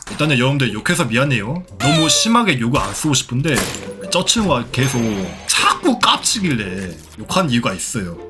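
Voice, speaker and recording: A man's voice: mid-range voice, big pitch swings, brisk, few pauses, over music. A young man streaming a game, scolding and mocking a rude player with sarcasm and the odd swear word. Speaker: Roblox streamer. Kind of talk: live gameplay commentary.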